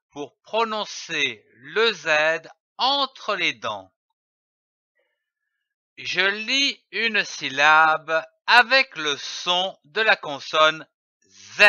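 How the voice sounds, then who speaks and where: Slow, bright-voiced man teaching phonics. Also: fairly high pitch, clear, resonant tone, dry recording, muffled recording. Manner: spells letters and syllables slowly and carefully. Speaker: reading teacher. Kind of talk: slow syllable-by-syllable phonics lesson.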